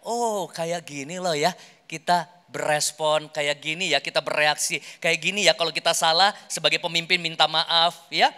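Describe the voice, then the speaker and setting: A pastor gives a workshop talk in a large hall, teaching through an animated sermon in a conversational style, often speaking straight to his congregation and acting out short everyday examples. His voice is fairly high, sharp yet clear and resonant, with fairly even intonation at a normal speed. The hall echoes with long reverb.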